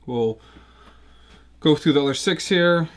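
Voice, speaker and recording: A man's voice: a little high, unhurried, a little hiss or hum. A man with a Chicago accent, a guitar builder casually explaining his work step by step in a workshop. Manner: relaxed, matter-of-fact explaining while working. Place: woodworking shop.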